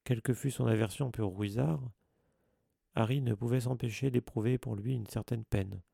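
A man reading an audiobook as narrator in a measured, steady scripted narration. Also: medium pitch, vocal fry, breathy edge, no echo, studio quality.

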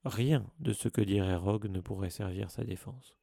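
Casting : narrateur masculin, timbre rocailleux, lecture de conte posée. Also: male voice, lowish voice, normal speed, gravelly, warm tone, no room sound, studio quality. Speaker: audiobook reader. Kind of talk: storybook narration.

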